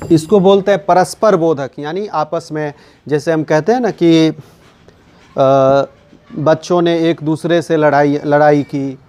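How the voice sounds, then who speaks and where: Man, grammar teacher, slow and deliberate, slightly high voice, quizzes himself aloud. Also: fairly even intonation, darkish tone, smooth. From India. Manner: slow explaining, repeats key words, asks and answers his own questions. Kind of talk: classroom lesson.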